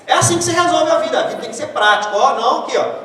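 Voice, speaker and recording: Animated Brazilian pastor in an echoey hall. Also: male voice, extremely high pitch, very fast. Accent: Brazilian Portuguese. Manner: jokey, conversational, acts out quoted voices. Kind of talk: casual sermon. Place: church hall. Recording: echoey church hall, far-off mic, faint noise.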